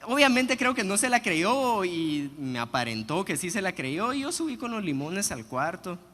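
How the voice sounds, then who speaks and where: A man preaching a sermon, telling personal stories in an animated, humorous way. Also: high-pitched, normal speed. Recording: long hall reverb, faint background noise.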